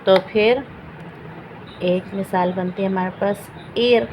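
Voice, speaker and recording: A woman teaching Quran recitation rules step by step, patiently repeating each example slowly and asking questions she then answers. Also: medium pitch, steady tone, darkish tone, slight background noise, low-quality recording. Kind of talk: step-by-step Quran reading lesson.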